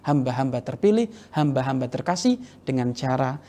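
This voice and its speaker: Calm man preaching a sermon. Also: mid-range voice. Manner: calm, measured preaching with softly voiced quoted replies. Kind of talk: Ramadan sermon.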